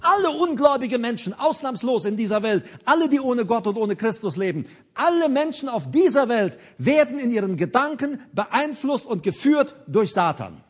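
Male preacher, high voice with wide swings in pitch, delivers a sermon with emphatic, repeated phrases.

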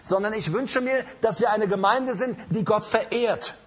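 A man's voice: high voice, normal speed, husky. A man preaching an emphatic sermon with an altar call in a church, calling out to the congregation. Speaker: pastor. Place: church hall.

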